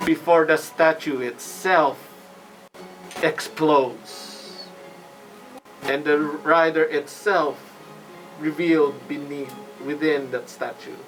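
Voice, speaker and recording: A man runs a tabletop game in a fairly high voice. He narrates at an unhurried pace, halting for suspense. Music plays faintly behind him. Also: fairly even intonation, a bit bright, low-quality recording. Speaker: game master.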